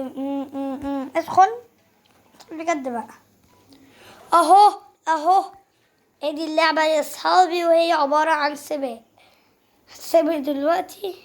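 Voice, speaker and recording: Egyptian woman, high voice, excitable playful game commentator, teasing and quick-changing. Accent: Egyptian Arabic. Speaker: gaming YouTuber.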